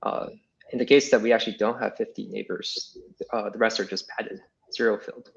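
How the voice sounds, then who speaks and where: Gravelly low-voiced man explaining technical details. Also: steady tone, a little fast. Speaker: engineer answering audience questions. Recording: slightly dull, lo-fi online call.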